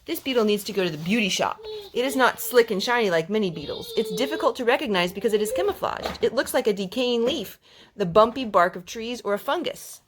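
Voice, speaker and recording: Reading aloud to children, a mother speaks a little high, expressive and brisk, with a faint hiss or hum in the recording. The storytime includes chat and song, and she asks the child questions, then repeats their answers.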